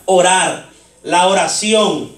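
A man's voice: high-pitched, slow. A man preaching a sermon, telling a story and acting out both sides of a conversation. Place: church sanctuary. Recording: echoey church, mic far off.

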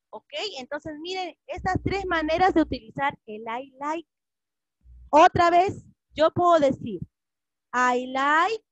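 A woman's voice: sits high, a bit bright, dry recording. A woman teaching English to children, patiently repeating each phrase and translating it. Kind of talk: classroom lesson for children.

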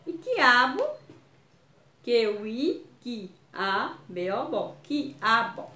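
A Brazilian woman teaching young children in a video lesson, sounding out syllables slowly. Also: a little high, big pitch swings, pushed and bright, echoey room. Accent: Brazilian Portuguese. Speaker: primary school teacher.

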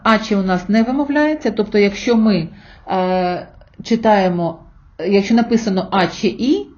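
A woman's voice: mid-range voice, a little mellow, lo-fi sound. A middle-aged woman giving an online language lesson, patiently spelling out sounds and examples for her viewers. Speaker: Spanish teacher.

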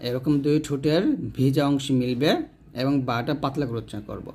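A man teaching Arabic letter pronunciation to adult learners, slowly and patiently, repeating each sound and asking questions he answers himself. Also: mid-range voice, a little mellow. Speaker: Quran teacher. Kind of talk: step-by-step pronunciation lesson.

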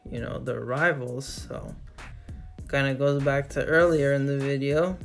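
A woman hosting a casual card-opening video, reading off names one after another in a steady list at her desk. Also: a bass voice, a little slow, vocal fry. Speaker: channel host opening trading card packs. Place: indoors at a desk with a card display wall. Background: background music.

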